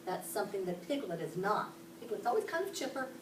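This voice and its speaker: A fast-talking, very animated Pittsburgh woman with a mid-range voice teaches children, explaining every step and posing questions to them. The recording comes from a camera across the room, distant and echoey in the classroom, with background noise.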